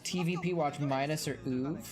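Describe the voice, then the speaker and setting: A slightly high male voice at normal speed chats loosely on a live stream, sounding worn after hours of talking while steady music plays underneath. A former game caster now streaming, he watches old matches, rambles, restarts sentences, and reads and answers chat aloud as it comes in.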